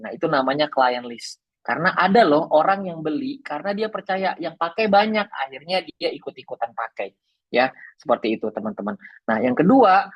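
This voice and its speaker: A man's voice: a little high, husky, no echo, highs cut off. A man giving a marketing webinar, talking in a playful, teasing way with chatty asides. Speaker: webinar sales trainer. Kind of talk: joking marketing webinar talk.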